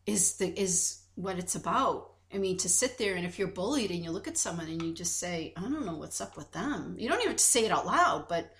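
A woman's voice: on the low side, expressive, a little fast, hardly any pauses, fairly bright tone. A woman co-hosting a podcast, talking earnestly in casual conversation and retelling a story with many restarts. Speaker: podcast co-host.

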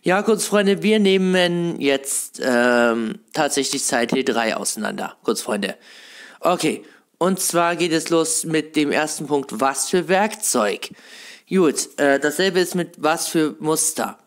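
A man's voice: on the high side, animated, slow pace. A man hosting his own video show, rambling through casual game commentary with lots of fillers and pet phrases, a frog in his throat. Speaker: video host.

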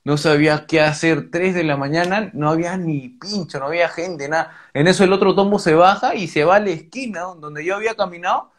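Young Lima guy, casual storyteller, high-pitched, constant slang fillers. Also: fairly quick, hardly any pauses. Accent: Peruvian Spanish, Lima slang. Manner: animated street-slang storytelling, heavy fillers, swearing. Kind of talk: casual chat.

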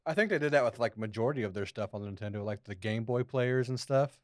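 Jokey man with a mid-pitched voice. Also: fast talker, no room sound, studio quality. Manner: jokey, laughs often, short quips. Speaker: podcast co-host. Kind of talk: casual chat.

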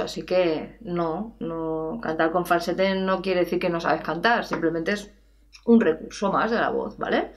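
Lively singing teacher woman. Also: fairly low pitch. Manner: lively, chatty, animated with playful examples and laughs. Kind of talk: answering viewer questions.

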